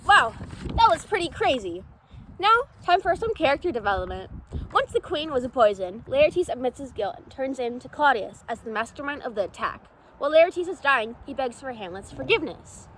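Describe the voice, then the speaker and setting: A woman with a high, bright voice hosts a scripted student vlog. She presents to the viewers over faint background noise. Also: very animated, moderate pace, poor audio. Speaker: vlog host.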